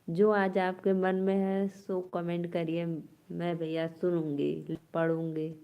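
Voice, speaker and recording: A woman chats on a live stream, coaxing her viewers to stay and keep commenting. Her voice sits low and flat and moves at an unhurried pace. The sound comes through a dull, lo-fi phone stream. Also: clear, resonant tone. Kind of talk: casual live-stream chat.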